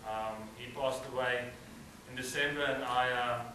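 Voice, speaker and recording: Measured and medium-pitched, a South African man whose mother tongue is Afrikaans hesitantly walks through slides at a cultural event. He stays relaxed but says "uh" often as a student presenter. Slight background noise mixes with the spacious sound of the hall, captured from a distance.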